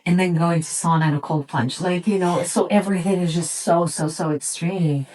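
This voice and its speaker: A middle-aged woman from Serbia with a notably low voice talks through her answers as an interview guest. She is thoughtful and reflective, pausing and restarting often as she gathers her ideas. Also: steady tone, a little mellow, rough recording. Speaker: yoga teacher and studio owner, guest. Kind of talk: relaxed conversational interview.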